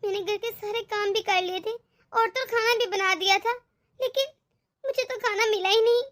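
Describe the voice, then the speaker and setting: A woman's voice: very high voice, steady tone, normal speed. A woman doing a meek tearful young widow. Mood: sad. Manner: soft, sorrowful, tearful. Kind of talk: animated cartoon voice acting.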